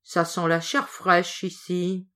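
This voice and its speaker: Storybook ogre: gruff, greedy, cruel male brute, slow heavy delivery, pitched low, voiced by a woman reader. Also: flat delivery, sharp tone. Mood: menacing.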